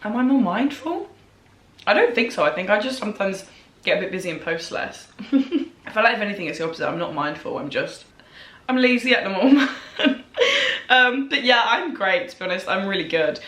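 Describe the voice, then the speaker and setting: A young woman in her early twenties talks casually in a bright, mid-pitched voice. She rambles in a self-deprecating way and repeats herself for emphasis. The room around her is noticeably echoey. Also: animated, fast talker. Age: early 20s. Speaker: vlogger answering viewer questions. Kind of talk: casual chatty mukbang Q&A.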